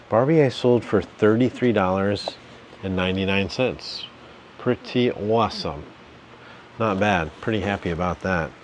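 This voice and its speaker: A reseller hosts a casual vlog from his home basement, rambling in a folksy, jokey way with lots of fillers. His voice is on the low side, and there's a little hiss or hum in the recording.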